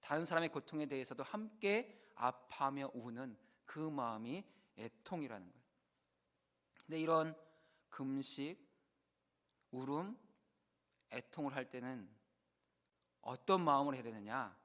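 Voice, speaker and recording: A male pastor preaching a sermon, earnest, rising to loud emphasis and dropping to hushed, quoted prayers. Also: mid-range voice, expressive, measured pace, long pauses.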